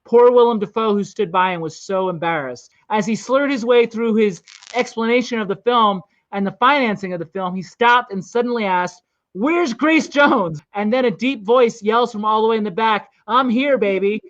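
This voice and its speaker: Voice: medium pitch, fairly quick, hardly any pauses. A podcast host in their forties, telling film anecdotes in casual chat and chuckling often. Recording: dull lo-fi sound.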